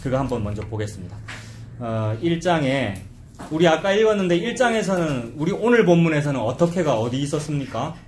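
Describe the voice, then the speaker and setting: A man's voice: a little high, big pitch swings, brisk, darkish tone. A man preaching an expository sermon, talking in a conversational way and asking the congregation questions. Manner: acts out quoted complaints in a mocking dialect voice. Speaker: pastor. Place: church sanctuary. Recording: echoey church room, faint ambience.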